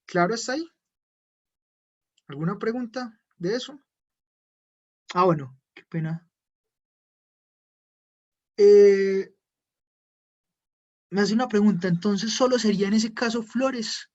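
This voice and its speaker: Husky high-pitched male language teacher. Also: slow, long pauses, lo-fi sound. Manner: patient explaining, answers viewer questions. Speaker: German teacher. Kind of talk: live online language lesson.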